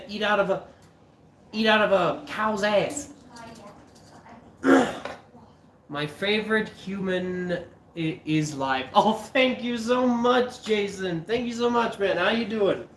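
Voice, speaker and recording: A South African man with a stuffy nose hosts a live cooking stream, chatting casually with viewers and swearing now and then. His voice is high-pitched and the sound is reverberant.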